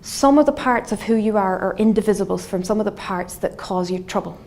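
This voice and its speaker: A middle-aged woman from Galway with a west of Ireland accent, a scientist giving an explanatory lecture in a thoughtful, halting, semi-conversational way. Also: medium pitch. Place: indoor wood-panelled lecture room. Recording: faint steady room noise.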